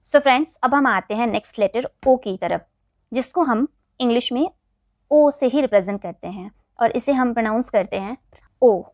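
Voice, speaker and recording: A woman with an Indian accent teaching English vowel sounds in Hindi. She spells each word letter by letter and then says it again slowly. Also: a little high, a little mellow, dry recording, studio quality.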